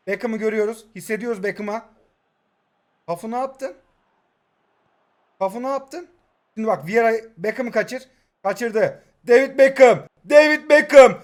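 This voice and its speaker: A man in his twenties giving excitable live commentary on his mobile football match, shouting at players and muttering asides. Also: high voice. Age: 20s.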